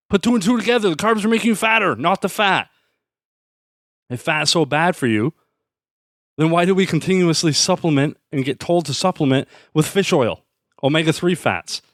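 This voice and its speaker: A man's voice: medium pitch, no room sound, studio quality. A man hosting a podcast, ranting in a fired-up, sarcastic way. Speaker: podcast host. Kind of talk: solo podcast rant.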